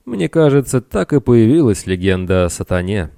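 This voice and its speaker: A man voicing Ciron, a worn-out, excitable pirate who talks eagerly and exclaims a lot. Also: on the low side, moderate pace, creaky, dry recording, clean studio sound. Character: weary male pirate, excitable and warm-hearted.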